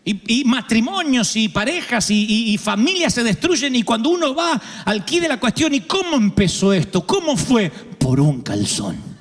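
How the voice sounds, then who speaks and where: A man's voice: extremely high pitch, animated, normal speed, hardly any pauses, a bit bright. A middle-aged man with an Argentine accent preaching a sermon, telling funny stories and acting out the voices of the people in them. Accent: Argentine Spanish. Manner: humorous storytelling, acts out voices. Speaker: pastor. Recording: long reverb of a large hall.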